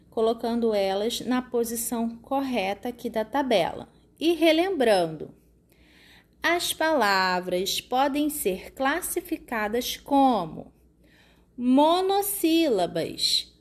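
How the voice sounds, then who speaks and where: A woman teaches a children's lesson at an unhurried pace. Her voice sits a little high, and she pauses to make sure the children follow. She stretches words out slowly as she sounds out their syllables. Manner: slow, patient explaining with frequent "tá?" and "né?" checks. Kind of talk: recorded classroom lesson for children.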